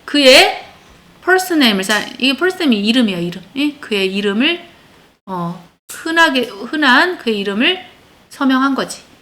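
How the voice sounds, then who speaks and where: A woman's voice: high voice, big pitch swings, measured pace, fairly bright tone. A woman teaching English to a class of children, explaining a text line by line and often checking that her pupils follow.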